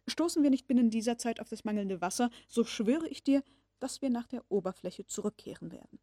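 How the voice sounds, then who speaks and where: A woman's voice: fairly high pitch, expressive, a little fast, warm tone, dry recording. Female reader voicing a hard-willed older professor, insistent, dry booth sound. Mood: persuasive. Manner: urgent, insistent, rising to a hard tone. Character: stern, stubborn old male professor.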